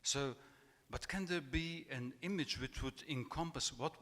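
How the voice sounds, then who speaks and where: A man giving an academic talk in a halting way, with many fillers and repeated words. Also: a little high, a bit bright. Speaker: academic speaker. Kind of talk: academic lecture. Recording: echoey hall.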